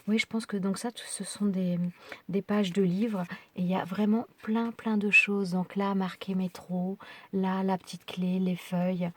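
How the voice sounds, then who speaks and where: A woman's voice: medium pitch, level tone, unhurried, a little hiss or hum. A middle-aged woman vlogging at home, chatting hesitantly as she opens her mail, with small whispered asides. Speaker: craft vlogger. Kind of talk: casual unboxing chat.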